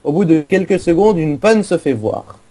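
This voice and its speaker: A man's voice: on the high side, animated, normal speed, mellow. A man co-hosting a casual gameplay video, explaining a game server in a rambling, self-mocking way. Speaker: co-host giving a game server tour.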